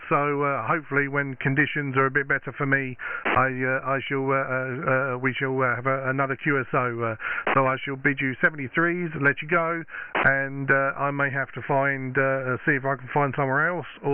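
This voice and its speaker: A man, halting and apologetic, working as a ham radio operator amid radio static. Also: medium pitch. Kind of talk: procedural ham radio calling and chat. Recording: tinny narrow sound, clear radio static.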